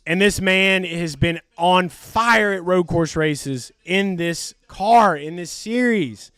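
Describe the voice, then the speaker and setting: Excitable, high-voiced male race streamer. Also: takes it slowly, smooth, no room sound, studio quality. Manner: excitable, profane, jokey. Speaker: live stream host. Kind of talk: live race commentary.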